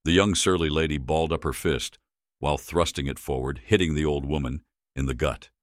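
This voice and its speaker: A man narrating an audiobook in a measured, deliberate reading. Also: rumbling low, steady tone, dry recording, studio quality. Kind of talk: scripted narration.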